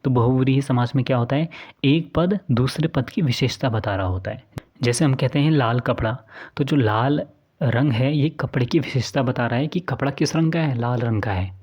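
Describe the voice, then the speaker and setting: A man's voice: medium pitch, normal speed, a little mellow, husky. A man giving an exam-prep lesson, explaining answers step by step and repeating key points back as questions. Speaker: teacher.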